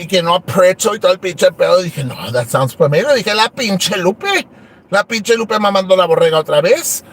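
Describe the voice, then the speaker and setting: A man's voice: high voice, a bit bright, heavily acted. A man playing Rubí Moreno, a brassy gossip. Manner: switches between Spanish and English, crude, gossipy. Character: brash foul-mouthed gossiping woman livestream host. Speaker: host. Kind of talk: comedy livestream character.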